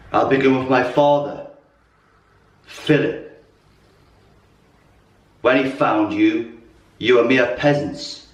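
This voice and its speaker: A proud, wounded warrior king , acted by a man, addresses his troops in a theatrical monologue. He speaks slowly and declaims with weighty pauses. The voice sits back from the microphone in a strongly reverberant room. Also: fairly low pitch. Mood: stern, reproachful. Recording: roomy echo, distant mic.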